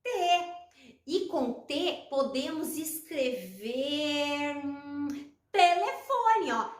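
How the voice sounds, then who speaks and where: A Brazilian woman teaching children letter sounds, slow and encouraging, drawing out each syllable. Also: sits high, animated, reverberant. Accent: Brazilian Portuguese. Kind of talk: children's phonics lesson.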